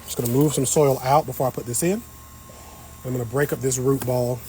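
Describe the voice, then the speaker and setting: A low-quality recording with a little hiss or hum carries a man's mellow, medium-pitched voice, steady in tone and fairly quick. He's hosting a casual patio gardening livestream, chatting with viewers as he works the soil.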